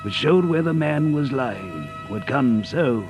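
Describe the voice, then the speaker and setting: An actor playing an earnest, loyal gentleman doctor in an audio drama, proper and easily astonished. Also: medium pitch, animated, measured pace, music in the background, lightly acted. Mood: sombre narration. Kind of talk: audio drama acting and narration.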